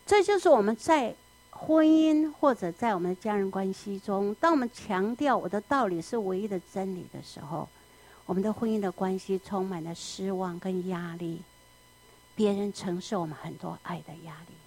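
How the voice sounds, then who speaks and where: A woman preaching in an animated storytelling manner, often asking the listeners questions. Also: fairly low pitch, vocal fry, breathy edge. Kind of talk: sermon.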